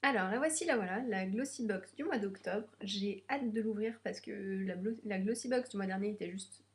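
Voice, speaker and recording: A young beauty vlogger with a mid-range voice and a slightly stuffy nose from a cold unboxes beauty products in what seems to be her nervous first video. She talks at a normal speed, hesitant and full of fillers, and there's slight background noise.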